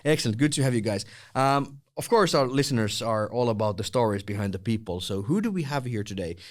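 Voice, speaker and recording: A man's voice: medium pitch, animated, a little fast. A man hosting a podcast interview, framing his questions in a rambling way and repeating words as he goes. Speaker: podcast host.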